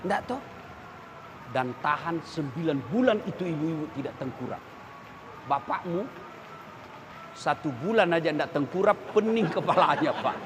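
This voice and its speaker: A man preaches to students in a high, very lively voice, cracking jokes and acting out small scenes. The recording is noisy, with clear background sound throughout. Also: a little slow, long pauses. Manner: lively, joking, acts out little dialogues. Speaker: Islamic preacher. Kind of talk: humorous sermon to students.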